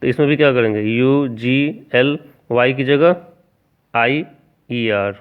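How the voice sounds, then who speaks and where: A man's voice: mid-range voice, slow, clear, resonant tone. A man teaching a grammar lesson who spells words out letter by letter and keeps asking the class rhetorical questions. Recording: tinny phone-like sound.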